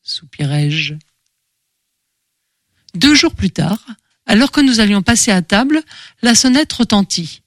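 A woman's voice: medium pitch, big pitch swings, a little slow, long pauses, dry recording. Woman reading a novel aloud. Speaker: audiobook narrator. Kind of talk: first-person novel reading.

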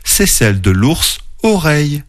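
A man telling educational stories to children in scripted narration, gently animated. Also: fairly high pitch, a little slow, very noisy. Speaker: children's storyteller.

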